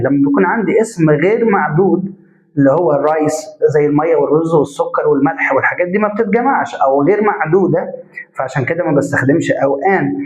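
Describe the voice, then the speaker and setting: A man with an Egyptian Arabic accent teaching a grammar lesson step by step, putting questions to the class and answering them himself, and stretching out example sounds. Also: fairly high pitch. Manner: drawn-out spoken examples. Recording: echoey room, dull lo-fi sound.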